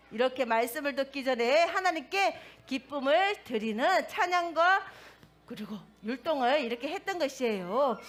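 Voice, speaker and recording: A woman's voice: sits high, fairly bright tone. A woman giving a sermon to toddlers in a sing-song way, asking the children questions. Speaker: children's pastor.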